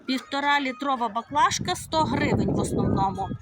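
A Ukrainian woman vlogs a casual walking tour through resort streets, filming on a handheld phone outdoors. Her high voice is animated and brisk, chatty and full of fillers, against heavy background noise.

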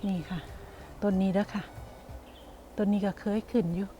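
Out in the countryside, a vlogger with an Isan (Northeastern Thai) accent talks chattily to her audience, addressing them as "brothers and sisters." She has a mellow mid-range voice with little pitch movement and a moderate pace, plus slight background noise.

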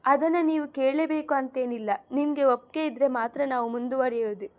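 A woman reading an audiobook story, voicing a kind older mother with a high, coaxing motherly manner. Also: steady tone, a little fast, close to an everyday voice. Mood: earnest. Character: kind elderly mother arranging marriage, gentle.

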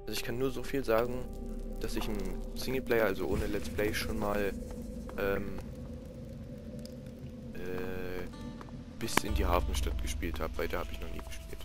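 Male gamer, low register, loose rambling commentary, mild cursing, loud game soundtrack underneath. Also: steady tone, moderate pace, pauses often. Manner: rambling, mildly swearing. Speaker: let's player. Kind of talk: casual gameplay commentary. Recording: loud game music behind the voice. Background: video game music and sounds.

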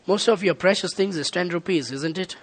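A man preaching an impassioned sermon, often shouting. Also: high-pitched, fairly quick.

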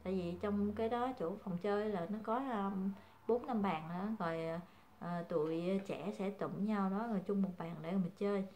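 A woman's voice: mid-range voice, moderate pace, mellow. A young woman, chatting casually to her viewers as a mother, hesitant and full of fillers. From Vietnam. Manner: hesitant, many fillers, calls viewers family. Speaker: vlogger, mother.

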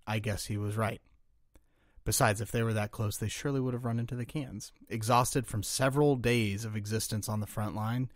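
A man's voice: lowish voice, no echo, studio quality. A man hosting a history podcast, telling war accounts earnestly, tripping now and then over names and restarting phrases.

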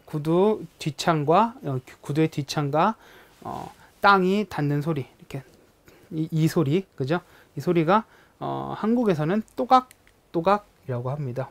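A young adult teacher leads a recorded language lesson at an easy, unhurried pace. The teacher pauses often on "uh" and acts out sounds to show what each word means. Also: mid-range voice. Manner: explains words slowly, imitating sounds to illustrate them; hesitant, with frequent "uh" fillers.

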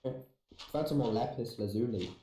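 A man playing a game with a friend, teasing him with deadpan jokes between calls about finds. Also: mid-range voice, a little fast. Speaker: gamer. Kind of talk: casual gameplay chat. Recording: roomy home recording, faint hiss.

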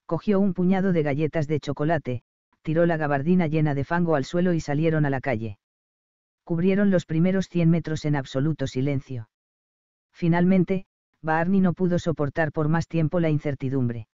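A man reading a novel aloud as an audiobook narrator, in an even, measured way. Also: fairly high pitch, clean tone, dry recording, highs cut off.

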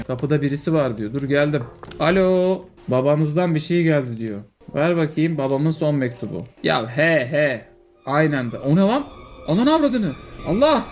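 A man with a voice sitting a little high for a man talks through a game in a loose, casual way. He jokes, exclaims and swears freely as things go wrong, with faint music playing under him. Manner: excitable, joking, quick to exclaim and swear. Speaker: streamer. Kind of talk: casual gameplay commentary.

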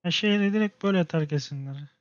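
A young man with a slightly high voice mutters and rants through his gameplay and keeps getting exasperated at it. The sound is dry and close, with a dull, muffled top end. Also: quick pace, no echo. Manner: exasperated, talks to himself and the game with slangy outbursts. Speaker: gaming channel host. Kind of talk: casual gameplay commentary.

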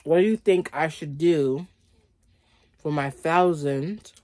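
A deep, slightly mellow voice speaks slowly in a studio-quality recording with no echo. She's a thirty-something vlogger eating and chewing through a casual mukbang chat in a small indoor bedroom, with "like" cropping up constantly.

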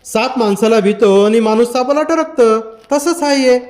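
A defiant village fighter, voiced by a male reader, speaks slow and firm. The voice rises well above the narration and lands every word with force. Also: very high voice, darkish tone, voice pushed up. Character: bold rustic fighter man, defiant.

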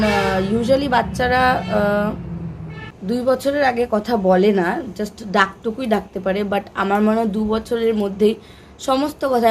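A woman's voice: medium pitch, background noise. A young woman from Bengal vlogging in a casual, rambling way with many fillers and restarts. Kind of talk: casual chat to camera.

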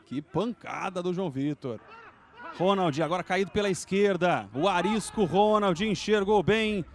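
A Brazilian man giving excited live play-by-play football commentary, exclaiming and stretching out his big calls. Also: sits high. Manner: exclamatory, with drawn-out shouted calls.

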